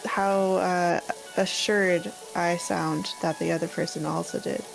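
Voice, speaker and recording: A young woman co-hosting a stream, talking in an earnest, rambling way, full of likes. Her voice has a steady gravelly fry, and soft music plays faintly behind her. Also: fairly low pitch, a little slow, low-quality recording. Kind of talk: casual stream chat.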